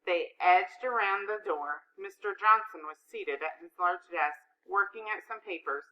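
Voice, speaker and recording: A woman narrating a children's novel in a steady, expressive reading voice. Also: lowish voice, measured pace, dull audio. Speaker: audiobook narrator. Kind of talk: storybook narration.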